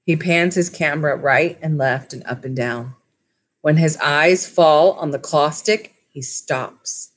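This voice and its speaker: Speaking slowly in a voice that sits low, a school library teacher in her thirties reads a storybook aloud and talks informally to children. She's recorded in a small home room with wood-panelled walls on a webcam or laptop mic at arm's length.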